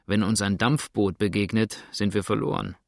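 A man's voice: lowish voice, little pitch movement, moderate pace, gravelly, no room sound, clean studio sound. A man reading a blunt, grudging river boatman in an audiobook. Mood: grumbling. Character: grumbling seasoned river boatman.

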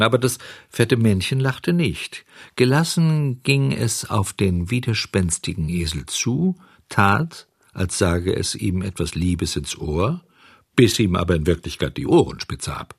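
A man reading a children's storybook aloud in a lively, expressive way. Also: lowish voice, unhurried, husky, no echo, clean studio sound. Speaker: narrator.

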